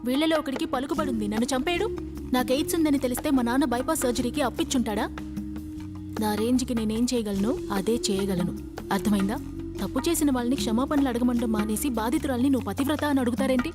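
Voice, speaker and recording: A woman's voice: a little high, fast, loud music behind the voice, close to an everyday voice. An actress playing a defiant, embittered young woman on a TV talk show in a film drama. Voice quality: calm, cold and defiant. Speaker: show guest.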